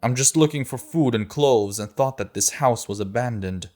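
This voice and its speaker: A man's voice: mid-range voice, moderate pace, dark tone, lightly acted. A man voicing a wary young woman survivor. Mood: calling out.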